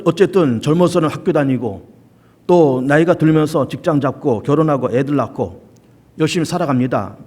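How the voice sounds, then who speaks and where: Male pastor in the pulpit, high and animated voice, repeats key lines for emphasis. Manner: emphatic repetition and rhetorical questions. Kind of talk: sermon.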